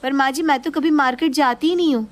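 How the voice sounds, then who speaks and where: A woman voicing a short-tempered young wife in a sharp, indignant way. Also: high voice, fast, voice pushed up, natural voice. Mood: protesting.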